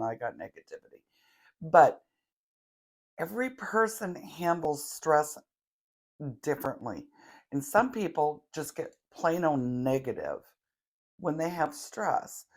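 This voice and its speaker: A middle-aged woman leading a grounding meditation in a slow, chatty way, with self-deprecating asides and the odd cough. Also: deep voice. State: coughing now and then. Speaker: tarot reader leading a guided meditation.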